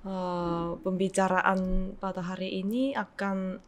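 A woman in her twenties with a Korean accent, a native Korean speaker talking Indonesian as a foreigner, carefully and haltingly in a casual interview. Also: medium pitch, steady tone, a little hiss or hum. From South Korea. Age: 20s. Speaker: podcast guest. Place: small podcast studio, indoors. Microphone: desk microphone.

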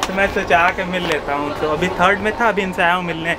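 A man's voice: sits high, fast. A young man, a fellow passenger, talking eagerly to a vlogger inside a train coach. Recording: loud train noise.

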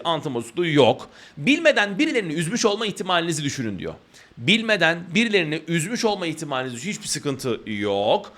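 A male teacher giving an exam prep grammar lesson, animated and exclaiming, with teasing rhetorical questions to his students. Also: high voice. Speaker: Turkish teacher.

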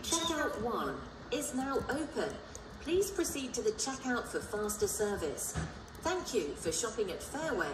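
A woman making a calm, scripted supermarket loudspeaker announcement to shoppers. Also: fairly high pitch, a little slow, distant mic. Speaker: store announcer. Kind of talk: recorded announcement. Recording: echoey store PA from afar, noisy.

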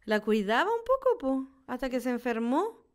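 A Chilean woman in her thirties co-hosting a podcast, telling stories in casual chat, slangy and quick to laugh. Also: sits high. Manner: laughs often, slangy and animated storytelling. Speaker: podcast co-host.

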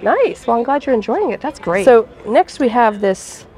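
A woman's voice: a little high, very animated, moderate pace, mellow. A woman reviewing food outdoors at a festival, chatting casually with plenty of filler words. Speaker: food vlogger.

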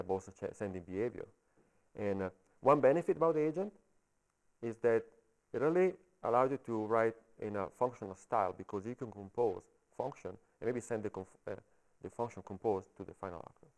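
A man with an Italian accent giving a technical talk at a meetup, halting and often checking in with the audience. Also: on the low side, rough recording. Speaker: conference speaker. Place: coworking space meetup room.

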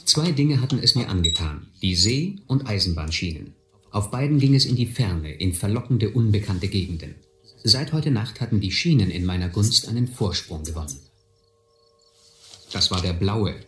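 The scripted radio play narration continues, with the actor voicing a man looking back wistfully on his adventures as a boy. Pitch is fairly low, the intonation lively, the tone fairly bright and the speed normal, all in an echoey, somewhat noisy recording.

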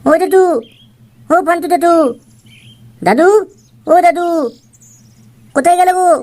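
A woman's voice: very high-pitched, a little slow, dark tone. A woman voicing a little cartoon boy who urgently calls for help and brings news. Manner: urgent, pleading.

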